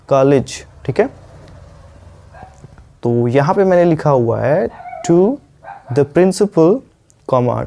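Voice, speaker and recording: A man teaching English in a patient video lesson, often pausing to check with the viewer. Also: on the high side, vocal fry, mellow. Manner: patient, repeats words, frequent "ठीक है" checks.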